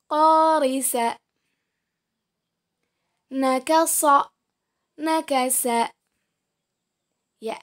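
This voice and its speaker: A woman teaching a recorded online lesson, patiently modeling pronunciation and saying each word twice. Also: high-pitched. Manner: patient, explanatory, addressing students as friends. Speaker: Arabic teacher.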